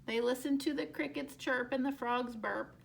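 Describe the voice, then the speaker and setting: A woman's voice: sits high, steady tone, moderate pace, creaky, a little hiss or hum. A woman teacher narrating a picture book expressively as she reads aloud to children.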